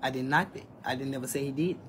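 A man's voice: medium pitch, steady tone, fast talker, slight background noise. A man in his twenties talking casually to viewers on a live stream, answering chat in a candid, defensive way, from a phone at arm's length in a small room. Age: 20s. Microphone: phone held at arm's length.

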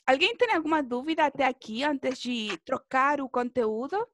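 High-voiced woman teaching a language class. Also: moderate pace, a bit bright, no room sound, studio quality. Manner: encouraging, drills pronunciation with students. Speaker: Portuguese teacher.

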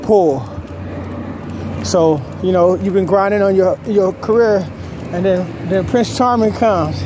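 A man with a high-pitched, slow voice records a walk-and-talk vlog on a handheld phone while walking dogs down a street. He gives casual, slangy advice, repeats himself, and acts out quotes, and the outdoor recording is noisy.

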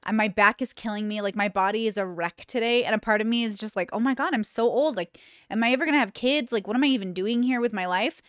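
A woman's voice: a little high, fast talker, dry recording. Chatty woman in her thirties, dry close mic. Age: 30s. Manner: chatty, candid, emphatic asides. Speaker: podcast host. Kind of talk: casual commentary reacting to clips. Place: small home room. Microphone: desk mic on boom arm with earbuds.

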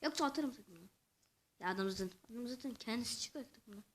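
A woman giving excitable let's-play commentary to her viewers, muttering and whispering asides to herself as she plays. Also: a little high, fast talker. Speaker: gaming channel host.

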